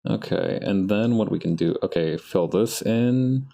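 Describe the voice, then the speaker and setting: Slightly slow and creaky, this man's lowish, dark voice carries casual chatter while he streams his drawing. He rambles to himself as he works, correcting himself and restarting sentences often.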